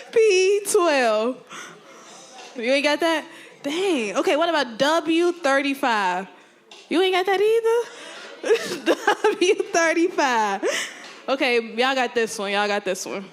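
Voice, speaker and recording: A woman's voice: sits high, sing-song. A young woman calling bingo numbers at a community event on a handheld mic, repeating each number and laughing and joking with the crowd. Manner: slow, repeats every number, laughs often, jokes with the crowd. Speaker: bingo caller. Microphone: handheld microphone.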